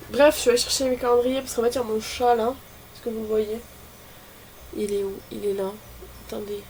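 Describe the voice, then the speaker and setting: A woman's voice: medium pitch, a little mellow. Casual, rambling woman vlogger with noisy background. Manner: informal, rambling, thinking aloud. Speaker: beauty vlogger. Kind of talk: casual chat while opening advent calendars. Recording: clearly noisy, ambient background noise.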